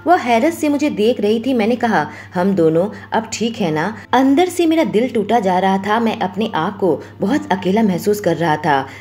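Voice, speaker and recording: A woman narrating a romantic audio story as a storyteller, with a steady, expressive reading. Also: mid-range voice, moderate pace, few pauses.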